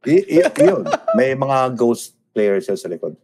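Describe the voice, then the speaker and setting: A man chatting casually on a talk show. He tells stories with lively, swooping pitch. He mixes Tagalog and English as he talks. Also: measured pace, noisy background. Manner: animated storytelling, switching between Tagalog and English. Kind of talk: casual chat.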